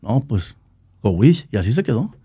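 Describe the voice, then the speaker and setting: Relaxed, slangy Mexican man telling stories. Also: lowish voice, moderate pace, breathy edge, no echo, studio quality. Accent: Nayarit Mexican Spanish. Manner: rambling, repeats words, slangy. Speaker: band founder, guest. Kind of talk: casual storytelling interview.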